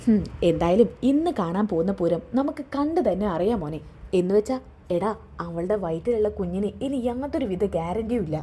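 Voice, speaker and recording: A scheming mother who gloats over a rival's misfortune, voiced by a woman retelling a serial. She talks low and conspiratorially, in a mellow, husky voice. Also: lively intonation, fairly quick. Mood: gloating. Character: scheming middle-aged mother plotting with son.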